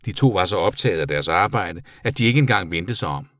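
A man reading a children's storybook aloud with an expressive delivery. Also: low-pitched, no room sound. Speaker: narrator.

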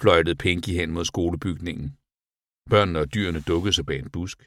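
Low-voiced man reading a children's story. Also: vocal fry, no echo. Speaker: audiobook narrator. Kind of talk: scripted narration.

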